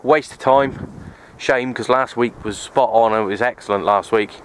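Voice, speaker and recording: At a moderate pace, a man speaks off the cuff in a mid-pitched, resigned, subdued way, going over his points more than once in typical rambling vlog style. He's a radio hobbyist filming outdoors on an open wooded hilltop. He holds the camera himself and uses its built-in mic, with faint noise in the background.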